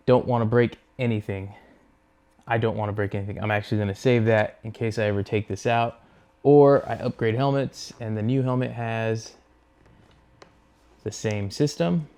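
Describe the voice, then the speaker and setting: This tutorial host has a lowish, somewhat mellow, clean-toned voice, narrating a motorcycle gear installation at a relaxed pace. As his hands do the work, he casually explains every step.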